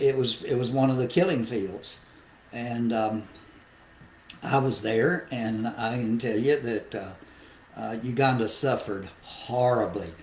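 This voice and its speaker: A man's voice: medium pitch, darkish tone, slight background noise. An older man hosting his own podcast, telling a meandering, reflective story and chuckling at his own anecdotes. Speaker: podcast host and songwriter. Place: home room, livestream podcast. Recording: roomy echo, faint guitar behind.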